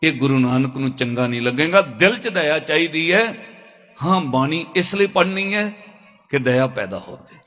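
A man's voice: fairly high pitch, lively intonation, normal speed, a bit bright. A man preaching a storytelling sermon to a congregation, earnest and pleading, sometimes breaking into sung verses. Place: large hall with a congregation. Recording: long reverb of a large hall.

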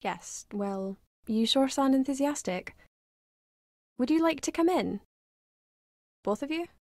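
An actress voicing a polite, careful young mother in a video game, speaking in a measured, slightly wary way. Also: high voice, lively intonation, a little mellow, no room sound, studio quality, exaggerated voice.

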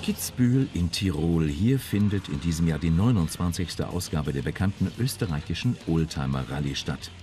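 Deep-voiced male documentary narrator. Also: expressive, mellow. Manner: measured, informative. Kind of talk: scripted magazine narration. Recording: voice-over with music beneath.

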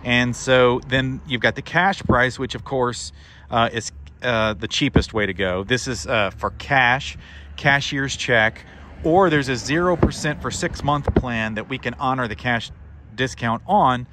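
A man's voice: medium pitch, unhurried, pushed and bright, slight background noise. A man in his thirties giving a casual sales walkthrough outdoors in a sunny equipment lot, talking plainly with lots of fillers into a phone held at arm's length. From Missouri, USA. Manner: chatty, plainspoken, frequent fillers. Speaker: equipment dealer presenting a product. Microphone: phone camera held at arm's length.

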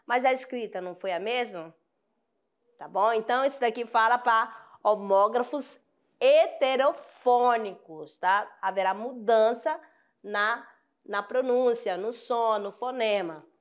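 A woman with a Brazilian Portuguese accent teaches a grammar lesson, patiently repeating examples, often checking her students follow, and addressing them affectionately. Her voice is a little high, clear and resonant, at a measured pace.

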